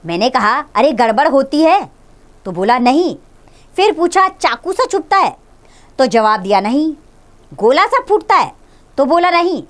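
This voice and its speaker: A woman's voice: sits high, big pitch swings, measured pace, pauses often, pitched above the performer's own voice. A woman voicing a flustered father who hurriedly explains his son's stomach trouble, in a read-aloud play. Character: flustered father of sick boy.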